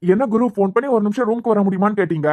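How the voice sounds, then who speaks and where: A woman voices an exasperated young man in a cartoon web series, talking fast and sarcastic with a Kanyakumari Tamil accent. Her mid-range voice sounds close and dry. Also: medium pitch, warm tone, dry recording, natural voice. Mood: explaining. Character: exasperated young man, patient but fed up.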